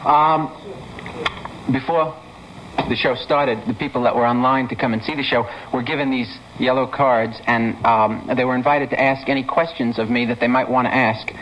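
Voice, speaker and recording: A man's voice: medium pitch, fairly even intonation, a bit bright. Male talk show host, mid-range voice, hesitant and stammering, casual comic patter, dull noisy vintage TV sound. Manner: halting, stammering, self-interrupting. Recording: dull, noisy 1970s TV studio.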